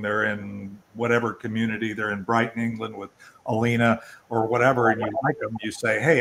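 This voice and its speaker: Over a video call with a touch of background noise, an older man hosts an online networking session in a medium-pitched voice. His talk is casual and somewhat meandering as he presents material and answers questions.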